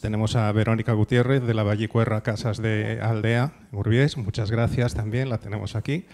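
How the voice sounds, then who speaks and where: A man moderating a round-table discussion, introducing the guests in a measured way with small hesitations. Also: fairly low pitch, fairly even intonation, darkish tone.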